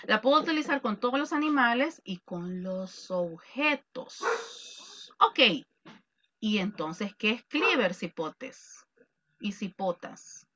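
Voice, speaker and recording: A woman with a Salvadoran accent teaching an online English class, lively and joking as she quizzes her students. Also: mid-range voice, slow pace, highs cut off, slight background noise. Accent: Salvadoran Spanish.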